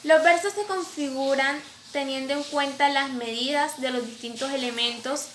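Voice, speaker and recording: Female lecturer, high and bright, explaining step by step; echoey room, light hiss. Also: moderate pace. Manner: explanatory, asks and answers her own questions. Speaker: teacher. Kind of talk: recorded lecture over slides. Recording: echoey room, faint background noise.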